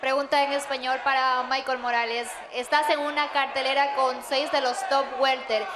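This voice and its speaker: High-voiced woman moderating, hall reverb. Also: little pitch movement, a little fast. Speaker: press conference moderator. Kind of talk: announcing questions. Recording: hall reverb with background noise.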